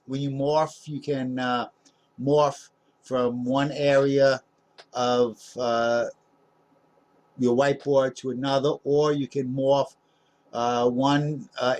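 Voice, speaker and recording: Talking through a software tutorial captured on screen, a man keeps things loose and wandering, filling gaps with "um"s and poking fun at himself. He speaks in a mid-range voice.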